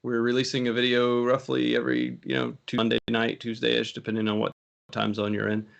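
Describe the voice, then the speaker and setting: A man's voice: mid-range voice, a little fast, vocal fry, muffled recording. Rambling male tech show host. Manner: rambling, self-correcting, laughs easily. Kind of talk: casual tech chat.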